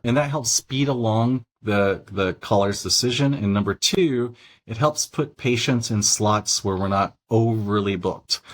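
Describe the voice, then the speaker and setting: A middle-aged man giving a casual training talk on phone skills, relaxed and conversational with frequent offhand asides. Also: on the low side.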